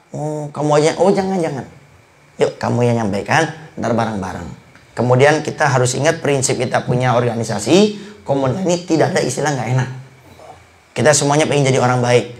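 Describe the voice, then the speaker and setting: A man delivering a sermon with lively emphasis, his voice sitting a bit above the usual male range. He breaks into little voices for the people he describes. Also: on the high side. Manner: animated, acts out quoted people in voices. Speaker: Islamic preacher. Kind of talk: sermon to a study circle.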